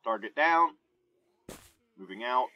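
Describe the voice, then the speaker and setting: A man giving casual, excitable commentary while he plays a shooting game, talking to himself into a close mic. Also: mid-range voice, slow, dull audio. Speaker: gamer. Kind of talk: gameplay commentary. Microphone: desk mic held close. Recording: noisy home recording.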